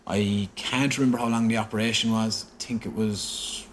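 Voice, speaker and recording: A man's voice: fairly low pitch, normal speed, slight background noise. An Irish man, an interview guest, recounting a personal story in conversation and acting out what people said. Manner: animated, quotes dialogue as he recounts.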